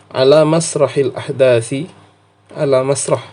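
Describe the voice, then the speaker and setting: An Indonesian-accented man teaching a text lesson, reading out Arabic and translating it piece by piece with deliberate, over-enunciated words. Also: medium pitch, fairly even intonation, darkish tone.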